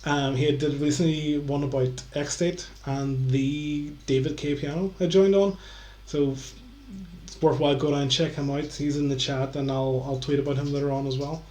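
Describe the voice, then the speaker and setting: A man's voice: a little high, steady tone, normal speed, a little mellow. A very drunk man rambles casually as he hosts a live stream, swearing and stumbling over his words. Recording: roomy, echoey room sound.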